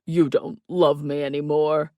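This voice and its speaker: A woman's voice: low-pitched, gravelly, warm tone, no echo, studio quality. Woman voicing a whiny, theatrical young man.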